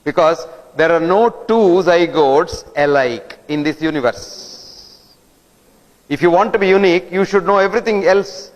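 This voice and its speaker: A man's voice, sitting high and moving a little slowly, gives a didactic guest lecture peppered with rhetorical questions for the audience. Long reverb from the hall fills the recording.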